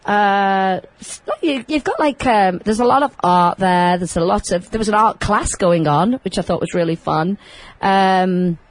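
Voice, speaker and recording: A woman hosting a show, chatting loudly and laughing often. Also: medium pitch, unhurried, few pauses, poor audio. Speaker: host. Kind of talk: casual chat.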